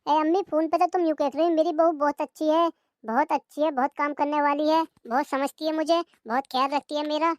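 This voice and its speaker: Cartoon daughter, protective and scolding, high and dry, put on by a voice actor. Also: fairly even intonation, fairly quick, no echo, close to an everyday voice. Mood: indignant. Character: indignant grown daughter visiting her mother. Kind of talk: cartoon comedy voice acting.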